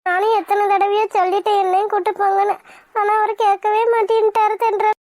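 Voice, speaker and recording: A woman's voice: very high-pitched, flat delivery, brisk, a little mellow, dry recording, clean studio sound. A woman voicing a tearful young wife in a cartoon, weepy and pleading. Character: tearful young woman pining for her husband.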